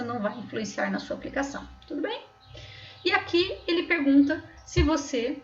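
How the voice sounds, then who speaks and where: A woman with a São Paulo Brazilian Portuguese accent narrates a step-by-step screen tutorial in a high voice, patiently explaining and often checking in with the viewer. The recording is roomy and slightly dull and muffled, with a little hiss or hum.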